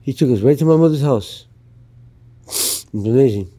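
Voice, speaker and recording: A man's voice: medium pitch, animated, normal speed, mellow. An older man from Canada telling his life story in an interview, blunt and plain-spoken. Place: outdoors in Los Angeles.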